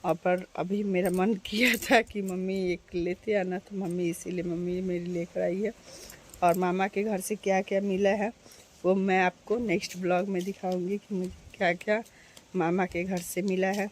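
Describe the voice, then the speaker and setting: A woman's voice: on the low side, flat delivery, moderate pace, a little mellow. A woman in her thirties chatting casually to her viewers on a phone camera, sitting outdoors in the shade at her doorway. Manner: chatty, addresses viewers directly. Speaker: vlogger.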